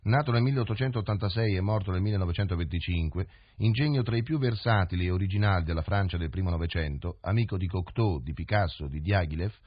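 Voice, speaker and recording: A man giving a formal, measured radio announcement on a 1970s broadcast. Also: deep voice, husky, no room sound. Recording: dull dry 1970s radio studio recording.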